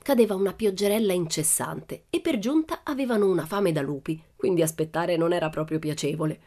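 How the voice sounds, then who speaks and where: A woman reads a children's story in a lively, expressive narrating voice, pitched a little low. Faint music sits quietly beneath her. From Italy. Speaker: audiobook reader. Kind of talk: scripted narration.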